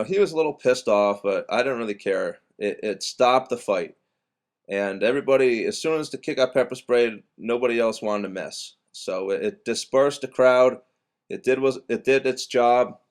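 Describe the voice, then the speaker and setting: A young man tells a story straight to the camera in a loose, casual vlog. He rambles and restarts his sentences, fills the gaps with ums, and swears bluntly as he goes. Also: mid-range voice. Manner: rambling with many restarts and fillers. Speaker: bouncer.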